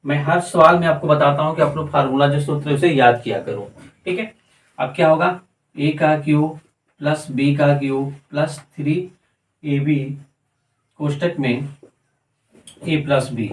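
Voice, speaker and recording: Guy teaching math, counts digits out loud, keeps asking "what comes here" then answers, bit high voice, echoey room, mic kinda far. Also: a little slow, pauses often. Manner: counting aloud and asking rhetorical questions. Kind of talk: step-by-step classroom math lesson.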